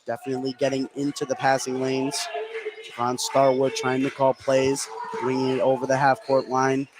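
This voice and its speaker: An American man gives live play-by-play commentary on a basketball game in a monotone, medium-pitched voice at a moderate pace. Gym noise is clearly audible behind him, along with general sports venue ambience.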